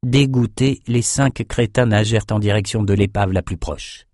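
A man reading a fantasy novel aloud in steady scripted narration. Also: on the low side, moderate pace, no room sound, studio quality. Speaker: audiobook narrator.

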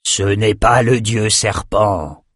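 A man voicing a fierce, brutal warrior king who speaks slowly and gruffly. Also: fairly low pitch, a bit bright, no echo, clean studio sound, full character voice.

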